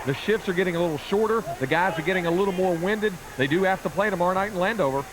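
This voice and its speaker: A man's voice: high-pitched, fast talker, low-quality recording. A man giving a live sideline report from the field of a sports arena.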